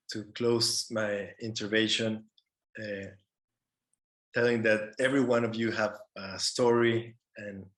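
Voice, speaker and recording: On an online video call, a conservation worker on a panel delivers a prepared yet informal talk. He speaks slowly in a voice on the low side with a fairly bright tone, earnestly and haltingly, repeating words.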